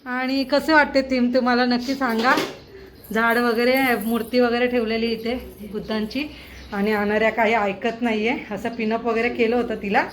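A young woman talks casually to her viewers from home, and her voice sits on the higher side. She is recorded on a phone, with a steady noise running underneath. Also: normal speed, poor audio. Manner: chatty, coos to a baby in a high sing-song voice. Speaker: vlogger. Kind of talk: casual home vlog narration. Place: home, indoors.

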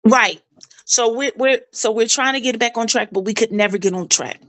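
A woman's voice: a little high, normal speed, dry recording. Woman telling a story, dry close sound. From South Carolina, US. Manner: animated, acts out quoted dialogue, repeats phrases for emphasis. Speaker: co-host telling her own story. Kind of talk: casual storytelling chat.

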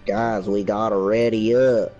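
A man's voice: fairly low pitch, steady tone, measured pace, highs cut off, music in the background. A man chatting with friends during a game, talking in a laid-back, offhand way. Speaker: friend in a party chat. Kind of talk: casual gaming chat.

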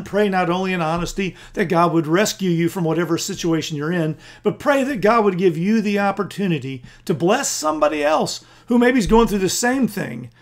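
A man, a pastor, giving a daily devotional sermon, reading scripture verses and commenting on them earnestly. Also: sits high. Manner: reads verses aloud and comments earnestly, with lively rises.

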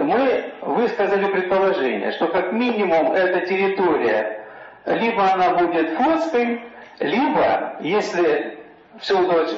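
A man's voice: high voice, dull audio. Man on a dictaphone recording, very echoey. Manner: hesitant, many drawn-out filler sounds. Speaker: architect presenting a project to a planning council. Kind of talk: slide presentation at a meeting. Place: council meeting room.

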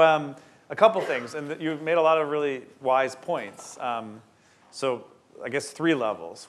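A man's voice: mid-range voice, fairly bright tone. A middle-aged man, a researcher on a panel, answering audience questions and laying out his points in order. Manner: engaged, explains in ordered points. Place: lecture hall, standing at front.

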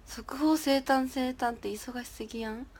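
Young woman, casual livestream chat, giggly, fairly high voice. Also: a little slow, darkish tone. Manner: chatty, giggly, reads and answers viewer comments. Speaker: idol livestreamer.

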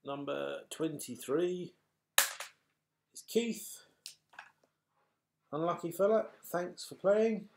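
A man's voice: on the high side, slow pace, creaky, pauses often, a little mellow. A middle-aged British man calling raffle balls like a bingo caller, chatty, matey and apologetic to the players. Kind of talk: bingo caller announcing numbers and names to players. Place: small furnished room at home, indoors. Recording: noisy home webcam recording with clatter.

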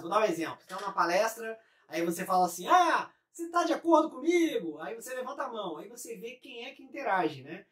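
A man's voice: a little high, fairly bright tone. A Brazilian man giving a casual online lesson as a business coach, chatty and forever tagging his phrases with a question. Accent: Brazilian Portuguese. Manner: chatty, ends most phrases with a tag question. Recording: roomy sound, mic at a distance.

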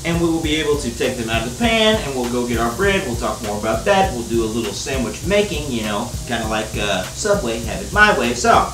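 Medium-pitched, with big pitch swings, a slightly fast pace and hardly any pauses, a young man hosts a casual cooking vlog in his home kitchen. The distant camera mic picks up background noise and roomy off-mic sound as he jokes and rambles, calling the viewer baby and sir.

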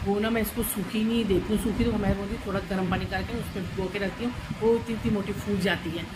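A woman's voice: medium pitch, fairly even intonation, fast talker, heavy background noise. A middle-aged woman chatting casually in a home vlog while she does kitchen chores, rambling from one topic to the next, at times drifting away from the phone. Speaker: vlogger.

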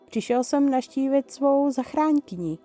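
A woman's voice: high-pitched, lively intonation, mellow, faint music behind, voice pushed up. Woman doing a shy, earnest teen boy. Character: modest, shy teenage boy, grateful.

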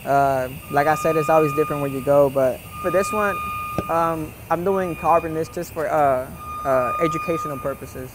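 A man's voice: fairly high pitch, normal speed, heavy background noise. Laid-back young man explaining welding. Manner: laid-back, rambling, many fillers like "you know" and "like". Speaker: welding instructor. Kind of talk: casual instructional voice-over.

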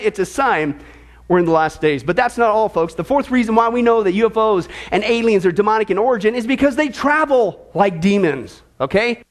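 A male pastor with a very high voice, preaching with lots of emphasis and rhetorical questions. His delivery turns sarcastic and punchy as he presses his points. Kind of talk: sermon on prophecy.

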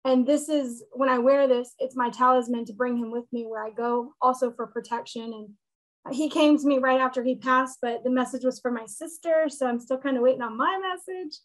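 A woman with a high, light voice teaches a small group over a video call. She explains things in a relaxed, casual way and slips in the odd joke. She is talking from a room at home. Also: normal speed, poor audio. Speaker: witchcraft teacher hosting a meetup.

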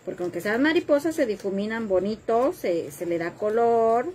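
A woman's voice: a little high, expressive, normal speed, a little mellow, slight background noise. A woman hosting a live craft tutorial, chatting with viewers and joking about herself while she cuts. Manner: chatty and self-deprecating, reads viewer comments while working.

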